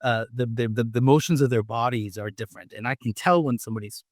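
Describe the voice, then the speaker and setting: A restaurant owner and chef from Mexico City, whose first language is Spanish and who has a Mexican accent, answers interview questions as a podcast guest and tells anecdotes conversationally. His medium-pitched voice moves quickly, recorded dry with studio quality.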